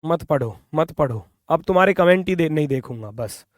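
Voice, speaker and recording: His voice slightly high and animated, a man with an Indian accent teaches reasoning in English to an online exam-prep class. He moves briskly, coaxes his students, and occasionally scolds them playfully. The sound is studio quality, with no echo.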